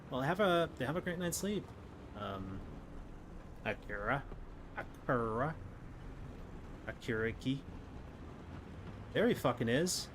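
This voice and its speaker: A man streaming a tank battle game live, chatting to viewers and swearing at the game. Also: mid-range voice. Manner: swearing, frustrated outbursts at the game. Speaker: gaming streamer. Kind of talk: live gameplay commentary. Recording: faint game noise behind.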